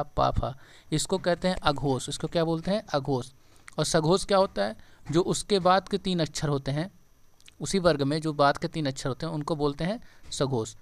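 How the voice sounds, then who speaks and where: A man's voice: on the high side, dry recording. A male teacher giving an exam-prep grammar lesson, sounding out syllables one by one and repeating key points back as questions to his students. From India.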